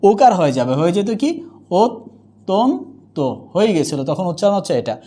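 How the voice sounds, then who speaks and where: Male teacher, high mellow voice, quizzes himself as he explains, says example words slowly and repeats them. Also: big pitch swings. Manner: asks questions and answers them himself. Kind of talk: pronunciation lesson.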